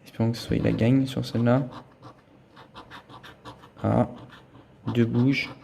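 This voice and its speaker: A man's voice: mid-range voice, level tone, slow pace, vocal fry, warm tone, slight background noise. A man giving a casual running commentary as he scratches lottery tickets, thinking aloud as he checks each symbol and letter. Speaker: scratch-card vlogger.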